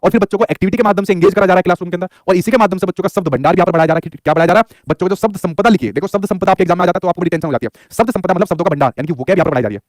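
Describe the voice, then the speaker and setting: A man's voice: high voice, no room sound, clean studio sound. A man teaching an exam-prep lesson, asking questions and answering them himself. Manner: rapid, repeats his own questions back to the viewer.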